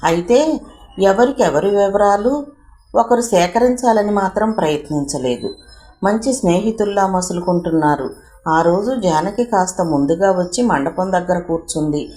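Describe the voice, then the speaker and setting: A woman reading a novel aloud as narrator in a steady, even storytelling manner. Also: medium pitch, moderate pace. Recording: roomy echo.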